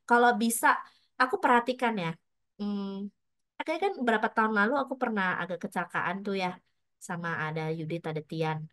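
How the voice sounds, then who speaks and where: A woman's voice: medium pitch, fairly quick, fairly bright tone. A middle-aged woman preaches in a loose, conversational way, moving between personal stories and encouragement. She slips English words into her talk and sounds close to the mic. The recording is dry, with no room echo. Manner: chatty, mixes in English words. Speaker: pastor. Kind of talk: casual sermon with personal stories.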